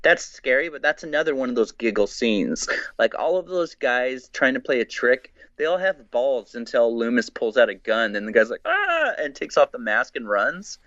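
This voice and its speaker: A man guesting on a podcast, chatting excitedly and rambling with many restarts. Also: mid-range voice, normal speed, hardly any pauses, dry recording, highs cut off. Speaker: guest, horror writer. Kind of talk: casual podcast chat.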